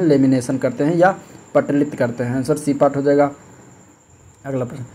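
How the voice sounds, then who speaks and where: Mellow-voiced man explaining test answers. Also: fairly high pitch. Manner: steady explanatory, repeats "ठीक है", frequent fillers. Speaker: exam-prep teacher. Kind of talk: explaining practice test questions.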